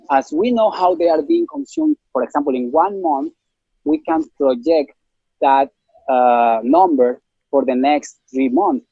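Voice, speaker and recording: A man's voice: fairly high pitch, breathy edge, no room sound, lo-fi sound. A man from Ecuador with a Spanish accent, speaking casually as an interview guest with many fillers and restarts.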